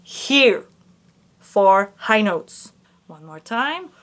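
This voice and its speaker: A woman vocal coach giving a singing lesson, explaining exercises slowly and clearly between sung vocal demonstrations. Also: medium pitch, big pitch swings, fairly bright tone. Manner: slow, clear instructions with sung vocal examples.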